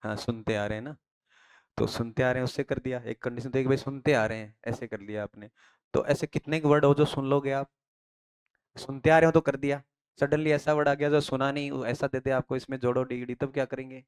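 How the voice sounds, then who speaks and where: A man from India gives a classroom lecture on pronunciation as an English teacher, asking his students questions, answering them himself, and drilling key phrases over and over. He speaks briskly in a clean, mid-range voice with fairly even intonation.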